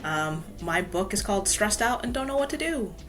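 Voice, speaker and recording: A woman from Hawaii, a guest author on a casual podcast, tells her story in a chatty way, saying "you know" again and again. Her medium-pitched voice is sing-song and fairly bright, moving at a moderate pace.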